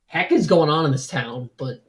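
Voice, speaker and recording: A woman's voice: low voice, animated, moderate pace. A young woman player chatting casually at a tabletop game, hesitant and musing, with lots of hmms.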